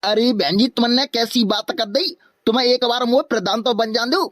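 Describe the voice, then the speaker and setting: A woman's voice: fairly high pitch, normal speed, no echo, clean studio sound, natural voice. Woman voicing an old wheedling village politician. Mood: coaxing. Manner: pleading, coaxing cartoon voice.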